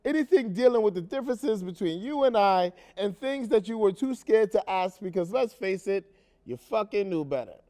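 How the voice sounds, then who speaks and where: A stage actor performing an indignant man with a high, bright voice, telling his story in a theatrical monologue. He is animated and emphatic and repeats himself for effect. He can also become a brash, sarcastic talk show host. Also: normal speed. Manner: animated, emphatic retelling with repetitions.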